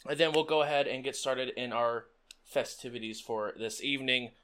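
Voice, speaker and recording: A man's voice: medium pitch, moderate pace, bright, forceful tone. A man hosting a tabletop roleplaying game as game master, addressing players and audience.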